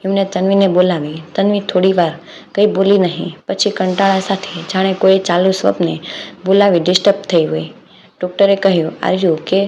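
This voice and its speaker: A woman narrating an audio story in a steady storytelling manner. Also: medium pitch, a little fast, creaky. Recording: slightly dull lo-fi audio with faint background noise.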